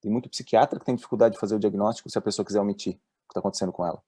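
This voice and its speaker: A man with a Brazilian accent, a doctor giving a talk on mental health at work, telling lively stories and voicing the people in them. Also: on the low side, very fast, slightly rough, no room sound, clean studio sound. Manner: lively storyteller, voices the people in his stories. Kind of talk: presentation with acted-out anecdotes.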